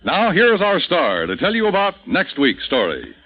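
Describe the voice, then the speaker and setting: A man announcing a radio show with a booming, showman-like delivery. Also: wildly swooping pitch, moderate pace, slightly rough. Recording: muffled old radio recording with music.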